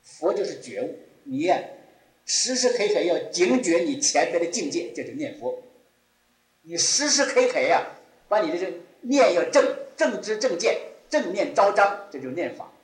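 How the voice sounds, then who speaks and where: A man's voice: sits high, big pitch swings, moderate pace, echoey room, rough recording. A man giving a Buddhist dharma talk, repeating key phrases as his voice rises and drops sharply. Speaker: Buddhist teacher.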